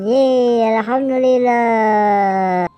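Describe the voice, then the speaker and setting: A woman voicing a fearful, whiny cartoon boy who pleads with his friend in a high childlike voice. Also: extremely slow, clear, resonant tone, dull audio. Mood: cheerful. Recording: loud music under voice.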